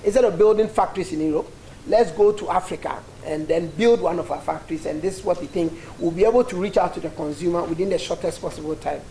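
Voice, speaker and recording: Brief: company spokesperson, mid-pitched, steady and explanatory, with light background hiss. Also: poor audio. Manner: measured, with frequent ums. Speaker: factory representative. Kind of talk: guided tour explanation.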